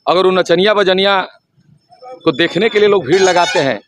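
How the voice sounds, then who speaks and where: Fiery high-voiced campaigner. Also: male voice, normal speed, slight background noise. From Siwan district, Bihar, India. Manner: forceful, rhetorical, repeats his slogans. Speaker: local election candidate. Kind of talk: impassioned campaign interview.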